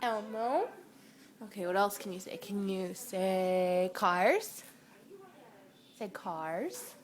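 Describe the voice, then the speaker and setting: A mother in a home video, patiently coaxing her toddler to repeat words, saying each one slowly and clearly. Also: mid-range voice, expressive.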